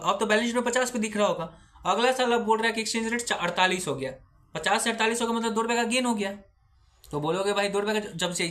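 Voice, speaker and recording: A man's voice: high-pitched, fairly bright tone. A man giving a recorded accounting lecture who patiently asks questions and answers them himself, mixing English terms into his speech.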